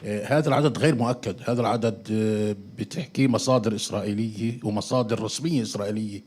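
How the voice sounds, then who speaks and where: A man's voice: lowish voice, fairly even intonation, rapid-fire, darkish tone, slightly rough. A man briefly clarifying a point at a symposium.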